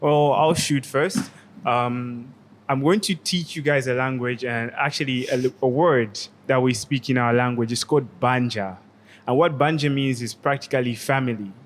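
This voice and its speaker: A man in his twenties from Zambia speaks as a student guest on a podcast. His voice is mid-pitched, and he talks in a calm, sincere, unhurried way. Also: a little hiss or hum. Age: 20s. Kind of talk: casual podcast chat.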